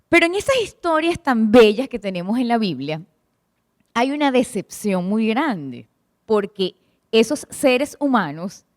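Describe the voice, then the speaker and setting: Speaking at a prayer meeting, a woman with a medium-pitched voice preaches to the congregation, questioning them and retelling stories with expression. The clean studio recording has no echo.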